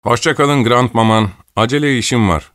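Bantering young aristocrat, light and polite, voice lifted, dry close audiobook, as the narrator puts him on. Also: male voice, medium pitch, normal speed, fairly bright tone, no room sound, pitched above the performer's own voice, close to an everyday voice. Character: teasing young nobleman, grandson, a man.

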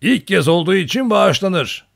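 A man voicing a loud, hearty old male Cossack hunter in an audiobook, booming and teasing. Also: expressive, moderate pace, vocal fry, heavily acted. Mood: teasing banter. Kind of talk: audiobook character voice.

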